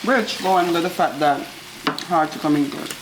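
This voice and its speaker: A woman's voice: fairly low pitch, a little fast, noisy background. A woman co-hosting a food vlog, chatting casually while she cooks. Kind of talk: casual chat while cooking. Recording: loud sizzling food close by. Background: frying and sizzling on a grill.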